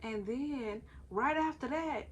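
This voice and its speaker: A woman's voice: high-pitched, slow pace, slight background noise. A young woman, telling a personal story in a casual, chatty way and now and then breaking off to tend her baby. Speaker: vlogger.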